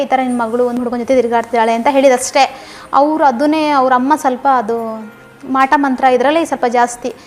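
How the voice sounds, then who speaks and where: A young woman recounts her life story in an interview. Her voice sits high and her words come quickly. She talks earnestly and circles back over phrases for emphasis. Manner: fast, earnest storytelling with repetitions. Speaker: guest giving a testimony. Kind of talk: personal testimony interview.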